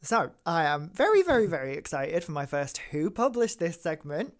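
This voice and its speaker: A woman co-hosting a casual political chat podcast, chatty and sweary, quick to laugh. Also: low voice, big pitch swings. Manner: chatty, sweary, laughs easily, lots of fillers. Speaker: podcast co-host.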